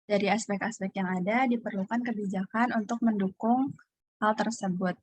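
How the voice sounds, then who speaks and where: Young woman haltingly reading a presentation. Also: mid-range voice, fairly even intonation, husky, dry recording. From Indonesia. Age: young adult. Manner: halting reading with fillers and restarts. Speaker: student presenter.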